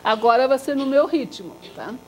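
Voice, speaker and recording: Woman workshop teacher, fairly high voice, animated and demonstrative, live room with faint noise. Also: moderate pace. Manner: lively and demonstrative, drops to a soft low voice to make a point; chants body parts in rhythm. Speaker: Suzuki violin teacher leading a workshop. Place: workshop room with a group of students.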